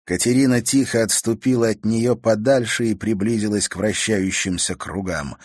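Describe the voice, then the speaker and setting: A man narrating an audiobook in a measured, expressive reading. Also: lowish voice, dry recording, studio quality.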